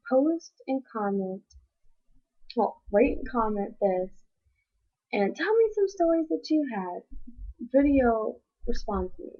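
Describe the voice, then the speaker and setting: A teenage girl telling a story to her webcam at home, chatty and rambling with lots of "like". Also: a little high. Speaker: vlogger. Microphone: built-in webcam mic. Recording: dull lo-fi webcam audio.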